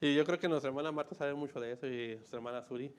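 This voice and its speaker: A man preaching a sermon, emphatic, repeating his key phrases and swinging between loud and hushed. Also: mid-range voice, racing, clear, resonant tone. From Mexico.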